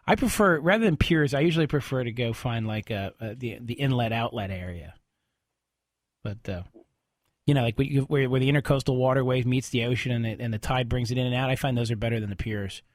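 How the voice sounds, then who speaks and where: A man's voice: medium pitch, fairly quick, no room sound. Chatty male radio host, dry studio sound. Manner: explains legal points in a chatty, loose way. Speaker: radio show host, lawyer. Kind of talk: casual call-in talk radio.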